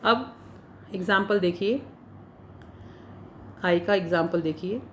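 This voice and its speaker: A woman's voice: lowish voice, takes it slowly, slight background noise. A woman teaching an English pronunciation class in Hindi, patiently saying each example word and then its meaning. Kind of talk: spoken English lesson for Hindi speakers.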